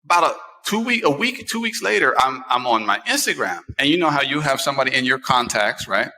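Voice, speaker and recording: Sharing personal stories on his casual talk show, a forceful, bright-voiced American man in his 40s speaks a little fast in a mid-range register. He's animated and repetitive, stressing certain phrases, and the long room around him echoes.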